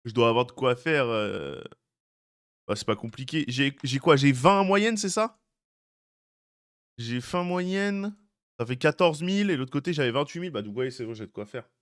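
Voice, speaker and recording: A man's voice: mid-range voice, a bit bright. Chatty male streamer greeting his chat. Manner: chatty, greets chat by name, jokey asides. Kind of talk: casual live-stream chat.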